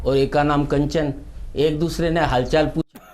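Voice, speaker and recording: A man reciting humorous poetry, telling the story in an unhurried way with comic timing. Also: fairly high pitch, fairly even intonation, darkish tone. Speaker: poet.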